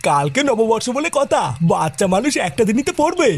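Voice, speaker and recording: A shrill, scolding old grandfather in a cartoon, as a man voices him. He talks fast and swings his pitch up and down, blustering at his family. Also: sing-song, full character voice. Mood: doting. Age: older. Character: grumpy stingy old grandfather, quick-tempered. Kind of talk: cartoon voice acting.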